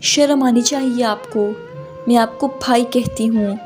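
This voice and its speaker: Lady reading an angry young woman telling someone off, storybook style, higher voice, soft music under it. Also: close to an everyday voice. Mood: alarmed, angry. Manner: angry, scolding. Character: wronged young woman, fierce and indignant.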